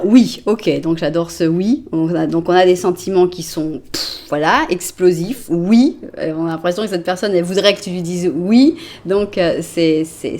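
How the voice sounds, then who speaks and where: A woman's voice: lowish voice, a little mellow. A woman from France, in her forties, doing a chatty, reassuring tarot card reading and narrating each card as she draws it. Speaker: tarot reader.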